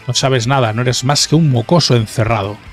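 A man from voicing a hot-tempered young male bully from a game, gruff and dismissive. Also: medium pitch, brisk, faint music behind, lightly acted. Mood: scornful.

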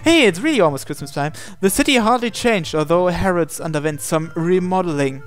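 With game music playing behind him, a man gives a dramatic reading of a visual novel, adding asides along the way. His high voice is expressive and fairly quick, and he occasionally trips over and repeats phrases.

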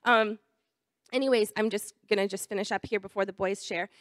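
A woman's voice: medium pitch, steady tone, brisk, dry recording, studio quality. A young adult woman with a cold, telling a missionary testimony at church in a chatty way with many fillers. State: hoarse from a cold.

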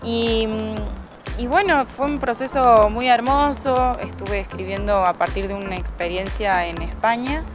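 A woman's voice: fairly high pitch, steady tone, unhurried. Young Argentine woman, interview guest, handheld mic outdoors, chatty with fillers, music under her. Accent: Argentine Spanish. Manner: chatty, laughs often, hesitant fillers. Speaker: guest actress and playwright. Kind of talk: casual TV interview. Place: outdoors by a plant wall.

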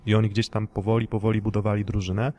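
A man hosting a sports podcast, talking in a measured, analytical way and passing questions to his co-hosts. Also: lowish voice, little pitch movement, a little mellow, slight background noise. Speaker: podcast host. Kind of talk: casual sports podcast discussion.

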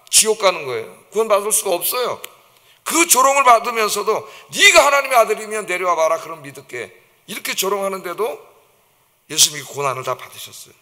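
Man, pastor, emphatic sermon, sharp tense tone, long hall echo. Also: high voice. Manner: vivid, emphatic preaching, acting out mockers' taunts. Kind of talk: dawn service sermon. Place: church sanctuary. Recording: long church reverb.

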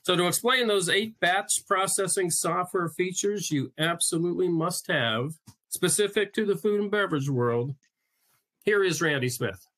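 Man, webinar host, scripted introduction, slightly high, bright tone. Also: moderate pace. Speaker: webinar host, magazine editor.

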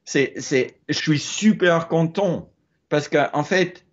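A middle-aged South African man with an Afrikaans accent, speaking French as a second language, haltingly shares casual advice about his life as an explorer, repeating words and groping for others. His voice is a little high, captured lo-fi on a phone held close at a low angle in an indoor room with a wooden ceiling.

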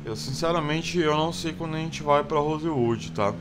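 Over background noise, a man with a Brazilian Portuguese accent offers casual, filler-heavy commentary on his survival game as a gameplay video host. His voice is a little high and moves at a normal speed.

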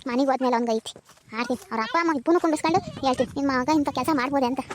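A tiny, very high cartoon grandma who chatters at breakneck speed, voiced by a performer. She nags and fusses like an old village granny. A steady background noise sits under her voice. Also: natural voice. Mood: scolding. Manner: scolding, rapid chatter. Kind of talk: cartoon comedy voice acting.

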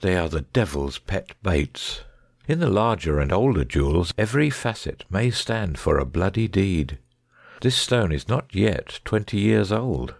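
This audiobook detective, performed by a man in a full character voice, is deep and gravelly, commanding and shrewd, with exact phrasing and a lively, swooping intonation. Here he speaks unhurriedly in a musing mood, in a studio-quality recording with no echo.

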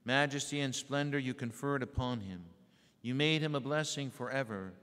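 A man leading a church service as priest, reciting prayers and readings in a measured, solemn way. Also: mid-range voice, a bit bright. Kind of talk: liturgical recitation. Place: large church. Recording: echoey church hall.

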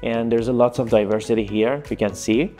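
A young man from Iran, a biotechnology student, speaking in a friendly, relaxed way in an interview on a lapel mic. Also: mid-range voice, fairly quick, soft background music. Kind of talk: testimonial interview.

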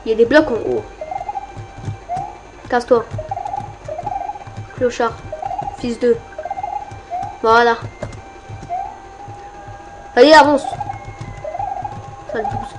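A woman giving casual gameplay commentary, excitable and often yelling and cursing at enemies, with faint game music behind. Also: on the high side, slow pace, long pauses. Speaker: let's play gamer.

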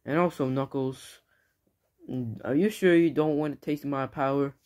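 A man's voice: fairly high pitch, fairly even intonation, a little slow, a little mellow, lightly acted. A young man voicing a cocky young male hedgehog hero in a casual, upbeat way for a homemade comedy skit.

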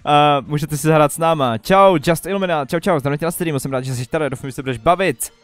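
A young man chatting casually on a live stream, excitable and stammering as he greets viewers. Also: on the high side, clean tone, no room sound. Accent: Czech.

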